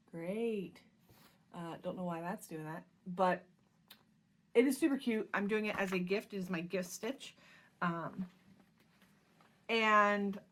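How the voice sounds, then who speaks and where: A woman's voice: mid-range voice, fairly bright tone. A woman hosting a crafting vlog from home, chatting casually about her stitching, rambling with frequent fillers and restarts. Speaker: cross-stitch vlog host. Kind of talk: casual show-and-tell chat.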